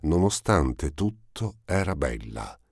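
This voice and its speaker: A man narrating a novel as an audiobook, reading in a measured, even way. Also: rumbling low, husky, no echo, studio quality.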